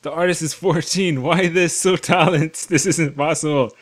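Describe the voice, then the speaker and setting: Excitable man laughing through a game. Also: fairly high pitch, normal speed. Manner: excitable, laughs often, reacts loudly. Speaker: gaming YouTuber. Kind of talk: let's play commentary, reading game dialogue aloud.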